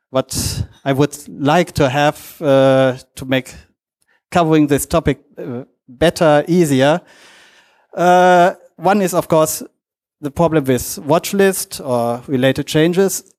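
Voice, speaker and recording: A man who is not a native English speaker gives a lightning talk presentation in a halting, hesitant way, in short fragments. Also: on the high side, darkish tone. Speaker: conference speaker.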